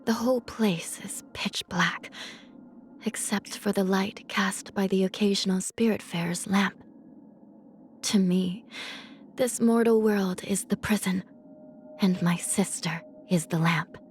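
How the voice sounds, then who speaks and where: Hanya, a woman as a soft, weary underworld judge. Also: mid-range voice, slight background noise, natural voice. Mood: wistful, pensive. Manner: measured, pensive, formal. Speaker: video game voice actor. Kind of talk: scripted game character voice lines.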